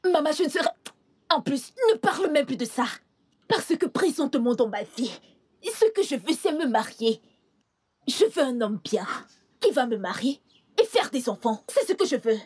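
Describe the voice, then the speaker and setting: A woman's voice: high voice, big pitch swings, normal speed, darkish tone. A young woman dubbing a headstrong village woman who argues defiantly and clings to a lover, in a French film dub. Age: young adult. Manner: defiant, insistent. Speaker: dubbing actor.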